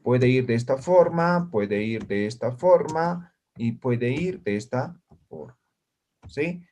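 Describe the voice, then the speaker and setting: A male language teacher with a mid-range, slightly mellow voice and lively intonation gives a classroom lesson at a slow pace. He checks in with short questions after nearly every phrase, and students can be heard answering in the room. A little hiss or hum is present.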